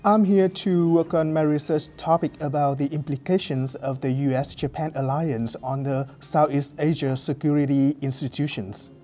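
A man in his thirties from Vietnam, a visiting lecturer introducing himself softly on camera. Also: a little high, steady tone, moderate pace, hardly any pauses, faint music behind.

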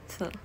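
A woman's voice: medium pitch, warm tone, a little hiss or hum. A young woman livestreaming as an idol, chatting casually in a giggly, rambling way with lots of fillers.

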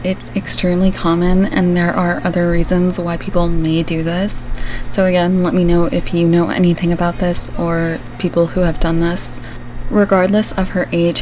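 A woman from Syria narrating a true crime video in a measured, earnest, explanatory way. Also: on the low side, darkish tone, slight background noise, low-quality recording. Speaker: true crime channel host.

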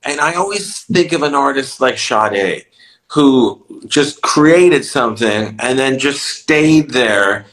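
A man's voice: mid-range voice, animated, takes it slowly, fairly bright tone, rough recording. A middle-aged man, a music producer, talking reflectively in a casual interview, often restarting with "you know". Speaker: music producer and songwriter, guest.

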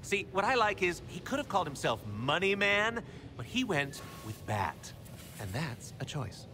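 An actor playing a flamboyant, gleefully sinister clown villain in a video game, with a mocking, theatrical delivery. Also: male voice, on the high side, big pitch swings, unhurried, noisy background. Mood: amused mockery.

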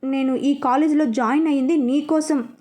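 A stubborn young college woman who will not take no for an answer, speaking firmly and insistently in a high voice, as a narrator puts her on. She comes from a storybook reading. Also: fairly even intonation, moderate pace, warm tone, close to an everyday voice. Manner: insistent, firm. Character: stubborn young female student, determined suitor.

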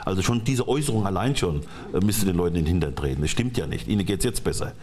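A middle-aged man talking as a studio guest on a talk show, halting and restarting his sentences often. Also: low-pitched, lively intonation, darkish tone. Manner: halting, frequent restarts and repeated words. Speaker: studio guest, former football coach.

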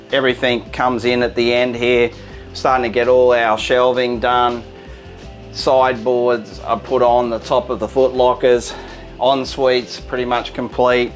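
Walking through a big indoor caravan factory and into a van, an Australian company head presents a tour, pointing out fittings as he goes. He's upbeat and informal, speaking in a mid-range voice.

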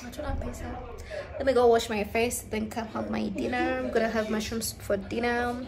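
A woman's voice: fairly high pitch, little pitch movement, fairly quick, gravelly, a crowd in the background, poor audio. A young woman with a Kenyan accent vlogging casually to her phone at arm's length at home, switching between English and Swahili in a candid, chatty way. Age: young adult. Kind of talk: casual vlog chat to camera. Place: home kitchen, indoors. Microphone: phone held at arm's length.

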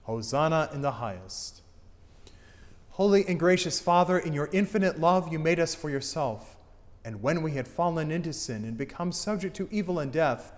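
A middle-aged priest at the altar, leading the liturgy in a solemn, declamatory way. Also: male voice, on the high side. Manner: solemn, declamatory, wide swings in loudness. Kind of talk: chanted and spoken liturgy. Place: church altar, indoors. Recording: long church reverb.

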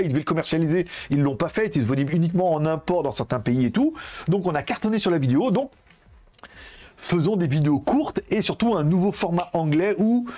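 Tech vlogger, male, loose casual chatter with crude slang, animated pitch. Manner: rambling, laughs often, crude slang. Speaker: tech youtuber. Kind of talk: casual chat. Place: Thailand.

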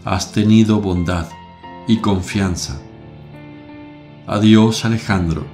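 A man playing Jesus, slow and gentle. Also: fairly low pitch. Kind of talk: radio drama acting. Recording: music bed behind voice.

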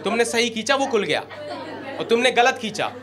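A man with an Indian accent doing animated stand-up comedy storytelling on stage and acting out the quoted lines. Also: extremely high pitch, a little fast. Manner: animated, acts out quoted lines, addresses the crowd directly. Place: comedy stage before a live audience. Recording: live show with loud crowd laughter and noise. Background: loud audience laughter.

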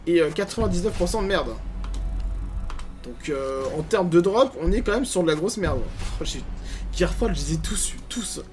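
A man giving casual gameplay commentary as a gaming YouTuber, animated, grumbling and swearing at bad loot. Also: high-pitched, moderate pace, over music.

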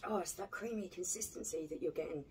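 A woman's voice: fairly low pitch, fast, mellow, far from the mic, slight background noise, rough recording. A middle-aged woman giving gushing tasting notes on a beer during a casual chat at a home bar. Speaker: beer reviewer, co-host.

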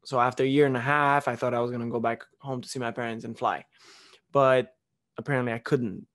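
Speaking a little fast with a slightly bright, steady, medium-pitched voice, this young Romanian podcast host chats casually at home. He talks into a close boom-arm studio mic in his living room, rambling with fillers and restarts.

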